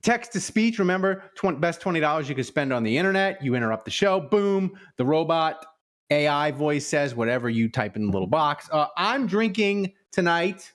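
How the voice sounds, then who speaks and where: A man's voice: a little high, animated, normal speed. A man hosting a casual live-stream show, full of joking, self-mocking banter. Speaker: show host.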